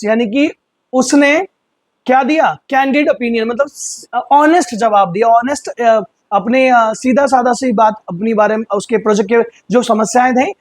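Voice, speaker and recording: A man teaching English vocabulary in Hindi, explaining patiently and slowly repeating words for pronunciation. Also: very high voice, no echo. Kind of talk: vocabulary lesson.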